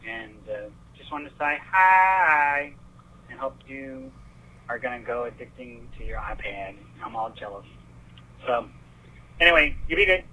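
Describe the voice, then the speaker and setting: A man's voice: medium pitch, expressive, a little slow, sharp tone, low-quality recording. A man leaving a casual, friendly voicemail greeting, played back over a phone.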